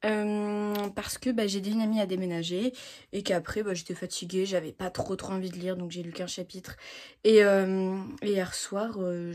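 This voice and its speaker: A woman's voice: mid-range voice, a little mellow. A woman in her twenties chatting casually to her phone camera about her reading week, with many fillers and self-mocking asides. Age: 20s. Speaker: book vlogger. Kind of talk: casual vlog chat.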